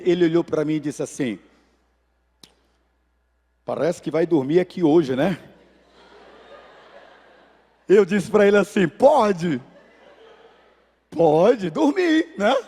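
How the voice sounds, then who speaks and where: A man preaching in a church, speaking with a Brazilian Portuguese accent. His voice sits high for a man, and he acts out the people in his story with lively shifts. The sound has a long reverb from the sanctuary. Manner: animated, acts out voices in anecdotes. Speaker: pastor. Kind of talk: sermon with storytelling.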